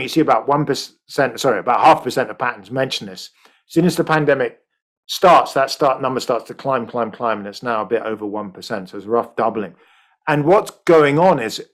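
Speaking as a guest economist over video call, a man answers the interviewer's questions briskly, explaining things with a lively pitch.

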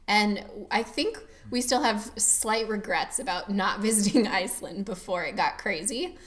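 A woman's voice: medium pitch, expressive, moderate pace, a bit bright. A young woman from the US Midwest co-hosting a casual podcast at home. She talks chattily and laughs often. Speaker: podcast co-host. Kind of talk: casual chat.

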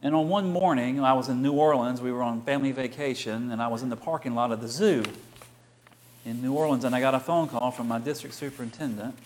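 A middle-aged man, a pastor telling a personal story in a conversational sermon, quoting other people in lively bursts. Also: mid-range voice, fast.

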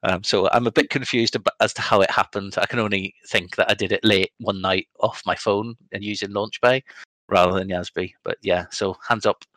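A man's voice: fairly low pitch, steady tone, fairly quick, a bit bright, dry recording. A man hosting a casual podcast chat, rambling and self-deprecating with lots of ums. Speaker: podcast host.

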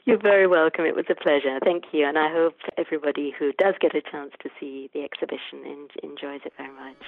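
A woman's voice: low-pitched, steady tone, quick pace, gravelly, no room sound. A woman art historian answering interview questions thoughtfully, often restarting her phrases. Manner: thoughtful, with frequent restarts and hedging fillers. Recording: tinny phone line, dry.

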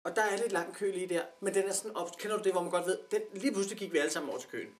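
A man's voice: high voice, a little hiss or hum. A young man from Denmark telling a story in a casual podcast chat, acting out the people he quotes. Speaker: podcast co-host.

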